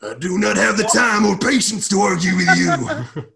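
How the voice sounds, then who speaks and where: A gravelly German old gunman. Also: sits high, animated, normal speed, music in the background, voice pushed up. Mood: sinister. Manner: gravelly growl blending wrestler and German. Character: sinister bony old man with a gun.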